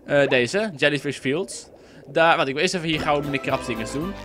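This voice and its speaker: A young man talks his way through a video game in a loose, rambling let's-play style, dropping fillers and crude jokes as he goes. His voice sits a little on the high side. Game music plays clearly behind him. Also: normal speed, a bit bright. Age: young adult. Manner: rambling and chatty, with frequent fillers and crude asides. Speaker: gameplay commentator. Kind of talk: casual let's-play commentary.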